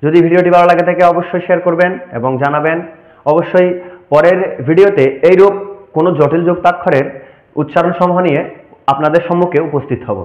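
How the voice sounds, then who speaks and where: A high-voiced man gives a formal lesson, explaining each point slowly and with care. His voice comes through a tinny, phone-like channel and bounces around a roomy, echoey space. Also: steady tone, darkish tone. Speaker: Sanskrit pronunciation teacher. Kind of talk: online lesson.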